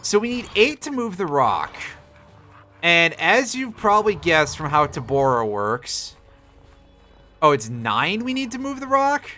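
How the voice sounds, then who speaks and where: A man with a bright, forceful voice commentates casually on a video game over music. His delivery is animated and sardonic, like a streamer grumbling to viewers. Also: fairly high pitch, measured pace. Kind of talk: casual live gameplay commentary.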